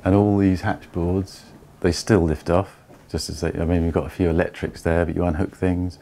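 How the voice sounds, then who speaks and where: A man in his fifties giving a measured, step-by-step tour of an old barge's wooden hold. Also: low voice, little pitch movement, vocal fry, dark tone, a little hiss or hum. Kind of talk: explanatory walking tour.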